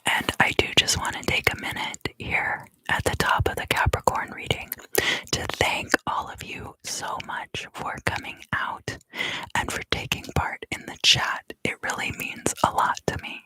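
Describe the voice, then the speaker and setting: In a roomy-sounding recording, a woman hosting a livestream softly whispers an ASMR tarot reading, calm and unhurried.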